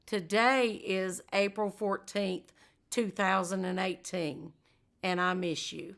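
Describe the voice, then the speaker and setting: Older female interviewee, slow and heartfelt delivery, bright forward tone. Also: medium pitch, steady tone. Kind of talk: interview, repeated takes.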